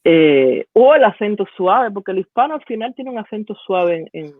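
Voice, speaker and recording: Cuban-accented woman guest, reflective and halting, dry phone-thin line. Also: medium pitch, lively intonation, no echo, phone-quality sound. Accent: Cuban Spanish. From Cuba. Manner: thoughtful, with frequent restarts and hesitations. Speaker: guest, university professor and poet. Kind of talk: reflective storytelling interview.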